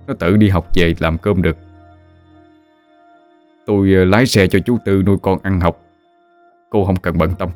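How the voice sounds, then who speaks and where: A man's voice: low-pitched, a little mellow. A man voicing a tired, resigned husband who speaks with reproach in a spoken story. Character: weary, ashamed husband. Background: faint music.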